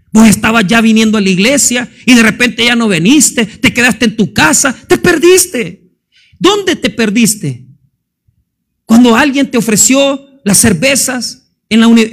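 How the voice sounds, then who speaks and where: A male pastor giving a fervent sermon, firing questions at the congregation and swinging between booming and hushed delivery. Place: church.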